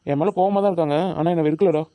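A man's voice: fairly high pitch, very fast, mellow, dry recording, natural voice. A man voicing a worried, earnest young college student in a cartoon, reassuring and pleading with his friends. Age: young adult. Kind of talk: animated cartoon dubbing.

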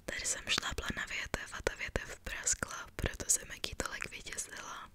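Brief: young Czech woman, whispered walking vlog, fully unvoiced hush, outdoors in a forest, body-worn camera. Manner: chatty, gentle storytelling while walking a dog. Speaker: ASMR vlogger. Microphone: body-worn camera while walking.

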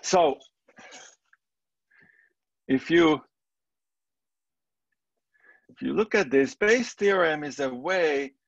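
A man's voice: on the high side, very slow, pauses often, no echo, highs cut off. Czech-accented man lecturing casually. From Czech Republic. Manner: relaxed, conversational, with restarts. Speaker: statistics professor. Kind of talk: recorded online lecture.

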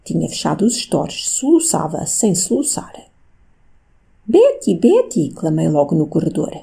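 A woman's voice: deep voice, animated, moderate pace, vocal fry, dark tone, husky. A woman narrating a classic novel as an audiobook, reading in the first person with expression.

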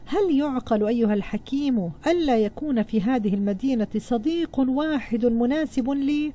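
A woman's voice: a little high, lively intonation, fast, a little mellow, husky. A woman reading as a proud chief merchant. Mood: demanding. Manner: questioning, impatient.

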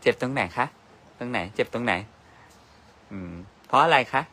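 A man in his thirties, a father chatting casually at home and using soft baby talk with his toddlers. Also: mid-range voice, moderate pace. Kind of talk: casual family chat.

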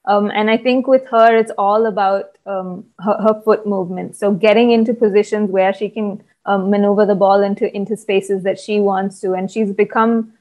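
A young woman with an Indian English accent, analysing a cricket match over a video call in a measured, thoughtful way with frequent ums. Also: medium pitch, fairly even intonation, dark tone. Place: small room indoors. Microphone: earphone mic on video call.

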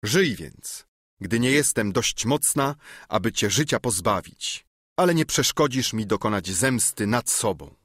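A man voicing an impassioned young noblewoman who feigns fury, with vehement, declamatory outbursts, raised above his own pitch. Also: expressive, a little slow, fairly bright tone, breathy edge, dry recording, studio quality, exaggerated voice. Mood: furious.

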